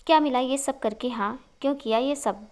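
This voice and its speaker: An intense young man who scolds the woman he loves, hot-tempered yet tender, as a woman narrator reads him. The voice sits a little high. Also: moderate pace, a little mellow, close to an everyday voice. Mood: stern.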